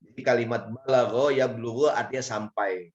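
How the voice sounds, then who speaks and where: Male Islamic preacher, Indonesian accent, raspy mid-pitched voice, conversational teaching delivery, slightly muffled lo-fi recording. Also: fairly even intonation, moderate pace. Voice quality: hoarse, raspy. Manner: conversational, lightly joking, explains step by step. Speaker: Islamic preacher and guest speaker. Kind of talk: informal religious lecture with Arabic recitation. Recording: dull, lo-fi audio.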